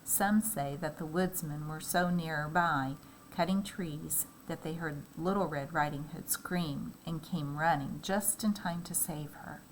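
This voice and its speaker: Slow-reading woman teacher. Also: low-pitched, a little hiss or hum, poor audio. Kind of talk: read-aloud storytelling.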